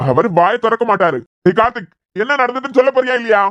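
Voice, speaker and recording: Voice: mid-range voice, expressive, fast, a bit bright, no room sound, dull audio, lightly acted. A man voicing a stern middle-aged father in a cartoon series, pressing impatiently for answers in a Kanyakumari Tamil accent. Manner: impatient, demanding, pressing questions. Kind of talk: cartoon voice acting.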